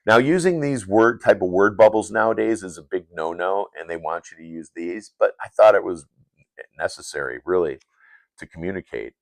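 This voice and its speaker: A low-voiced, rambling man. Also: expressive, normal speed, gravelly, no echo. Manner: casual, rambling, with self-corrections. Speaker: comic book creator. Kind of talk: live-stream comic walkthrough.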